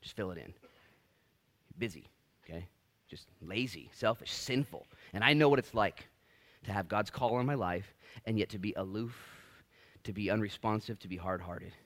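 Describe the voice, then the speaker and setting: A man's voice: lowish voice, moderate pace, pauses often, a bit bright. A middle-aged male pastor preaching a sermon in a conversational, joking yet earnest way. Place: church.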